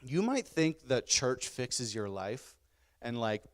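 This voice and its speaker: A man's voice: mid-range voice, very animated, takes it slowly. A man in his thirties, a pastor preaching a sermon in his church, telling personal stories candidly and building to emphatic bursts. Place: church sanctuary.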